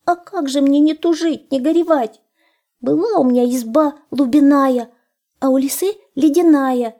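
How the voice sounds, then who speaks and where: A woman voicing a timid little male hare who pleads and laments in a high, plaintive voice. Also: warm tone.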